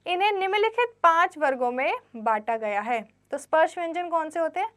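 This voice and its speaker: A woman's voice: extremely high pitch, animated, a bit bright. A woman teacher giving a grammar lesson to children, reading textbook lines and then re-explaining them simply, asking quiz questions and answering them herself. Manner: drawn-out letter recitation.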